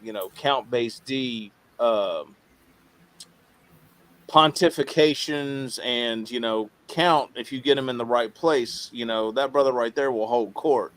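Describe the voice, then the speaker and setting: A man talking casually as a podcast guest, halting and rambling as he repeats himself, with informal swearing. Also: medium pitch, a bit bright. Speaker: podcast guest, radio show co-host. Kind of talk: casual interview talk.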